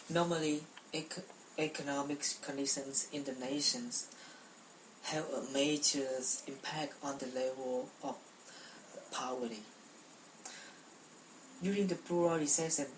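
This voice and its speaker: Low-voiced woman giving a class speech. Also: reverberant, far from the mic, slight background noise, poor audio. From Cambodia. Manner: careful delivery with frequent restarts and repeated words. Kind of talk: prepared speech.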